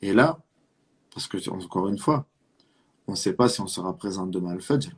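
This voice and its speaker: Here the Marseille-born Islamic preacher, carrying a southern French accent, uses a low, husky, expressive voice at a moderate pace. Earnestly, he presses his religious message with rhetorical questions and repetition aimed at the listener.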